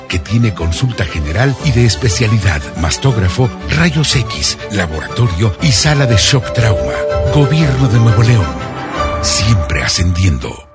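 A man reading scripted radio advert narration as an announcer. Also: lowish voice.

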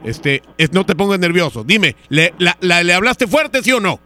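A radio host with a high, animated voice and sharp tone presses a caller during a prank call. At a moderate pace he turns confrontational, interrogating the caller and demanding answers.

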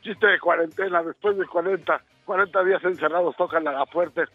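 A man's voice: high-pitched, fairly even intonation, a little fast, no room sound, narrow, tinny audio, soft background music. A Mexican man comedian firing off crude one-liners in a stand-up joke battle on a radio broadcast.

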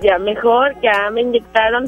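A woman's voice: on the high side, steady tone, normal speed, narrow, tinny audio, soft background music. A woman calling in to a radio show, congested with a cold, chatting cheerfully and playfully on air. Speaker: radio caller. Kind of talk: casual phone chat on air.

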